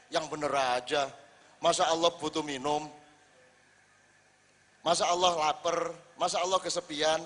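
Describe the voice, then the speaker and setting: A man preaching to a live audience, lively and full of rhetorical questions. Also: high voice. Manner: lively, rhetorical questions, acts out quoted lines. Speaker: Islamic preacher. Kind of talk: religious talk to a live audience. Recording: reverberant hall.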